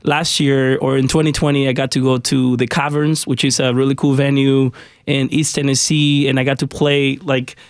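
A man's voice: mid-range voice, flat delivery, normal speed, no echo, studio quality. A man from Honduras, a guest musician on a radio interview, talking in a friendly, chatty way with many fillers.

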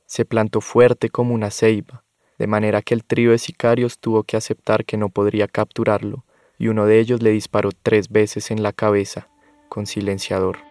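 A man reading scripted documentary narration in a measured, sober way. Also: on the low side, no echo. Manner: measured, sober, even delivery.

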